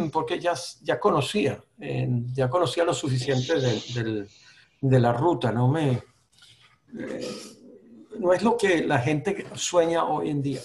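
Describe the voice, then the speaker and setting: A man in his sixties from Venezuela, a former footballer recalling his career in an unhurried, halting way, often clearing his throat. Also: on the high side, darkish tone. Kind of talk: casual recounting of anecdotes.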